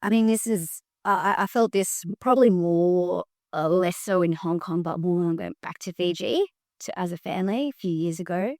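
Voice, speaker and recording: A woman's voice: on the low side, moderate pace, a little mellow, dry recording, studio quality. A woman, co-hosting a podcast in reflective, personal chat with some stumbles. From Australia. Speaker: podcast co-host, business partner.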